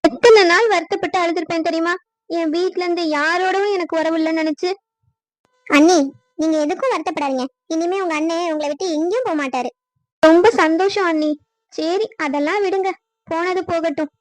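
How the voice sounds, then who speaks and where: Woman doing cartoon village sisters and wives, pleading and emotional, very high thin voice, dry sound. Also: steady tone, a little fast, no room sound. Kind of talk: cartoon dubbing.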